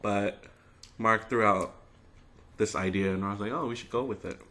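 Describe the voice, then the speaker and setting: A man chatting casually as a mukbang host, musing out loud in a loose, tentative way. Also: lowish voice, steady tone, moderate pace. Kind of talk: casual chat over a meal.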